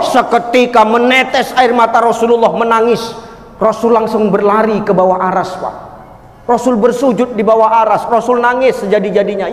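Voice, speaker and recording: A male preacher giving a humorous sermon to a congregation, telling stories in an animated way and singing short devotional chants. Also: high-pitched. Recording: echoey hall with faint ambience.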